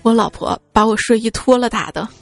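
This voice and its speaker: A woman's voice: fairly quick, creaky. A woman host reading listener jokes aloud, laughing at her own lines and jumping her voice up to act out the people in each joke. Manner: lively, acts out quoted speakers with jumps in pitch. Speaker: radio-style joke show host. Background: faint background music.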